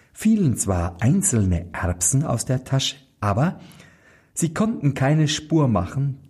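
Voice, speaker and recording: A man reading a fairy tale aloud, slow and very expressive. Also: lowish voice, breathy edge. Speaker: storyteller.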